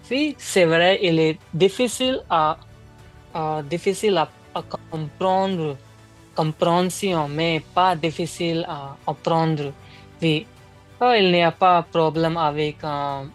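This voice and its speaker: A woman candidate in a speaking exam role-play, speaking a second language. She talks slowly and a little low, stopping often to search for words and restarting her sentences. Faint music plays behind her. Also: rough recording. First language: not French. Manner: halting, many fillers and restarts.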